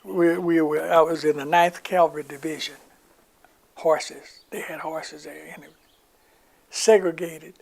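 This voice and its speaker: A man's voice: fairly high pitch, steady tone, measured pace, gravelly. An older man recounting his wartime army memories in an oral history interview, rambling and acting out the voices of people he quotes.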